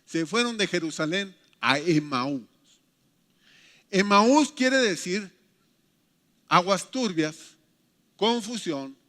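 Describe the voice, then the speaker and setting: A Mexican man preaching a sermon as pastor, emphatic and animated as he retells scripture stories. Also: high-pitched, takes it slowly, long pauses. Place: church. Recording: reverberant church hall.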